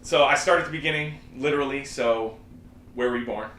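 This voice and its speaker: A man's voice: medium pitch, fairly quick, a bit bright, reverberant, slight background noise. A man hosting a loose, chatty interview, with lots of fillers and laughter, in a room with a couch. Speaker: host. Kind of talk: casual interview chat.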